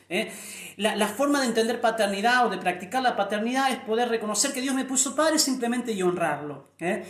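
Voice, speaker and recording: A man's voice: high voice, a bit bright, roomy sound. A middle-aged man preaching a sermon, earnest, often repeating words and restarting before lifting his voice on key phrases.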